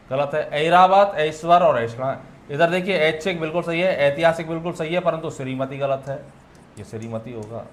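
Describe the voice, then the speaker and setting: A man teaching an exam solution lecture, his voice sitting a little higher than most men's. He keeps asking questions and answering them himself, with the odd throat-clear. A faint hum of background noise runs under his voice. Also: reverberant. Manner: explanatory, asks and answers his own questions; clears throat and coughs now and then.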